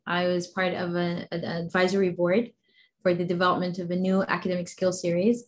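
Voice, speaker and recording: A woman's voice: lowish voice, monotone, fairly quick, slight background noise. A woman from Sudan, a guest in an interview, talking enthusiastically with many fillers and restarts. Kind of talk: interview conversation.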